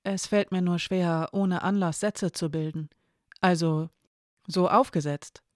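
A narrator voicing May, a calm reassuring figure. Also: medium pitch, measured pace, dry recording, studio quality, close to an everyday voice.

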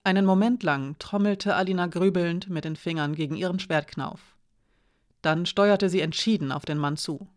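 An audiobook narrator reading a fantasy novel in steady scripted narration. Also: medium pitch, normal speed, dry recording, studio quality. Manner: steady storytelling.

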